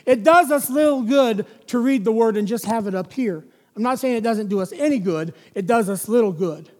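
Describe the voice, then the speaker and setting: In a large church hall, a male preacher with a high-sitting voice delivers an evening sermon. He is emphatic, stretching single words out slowly and sinking to a near-whisper.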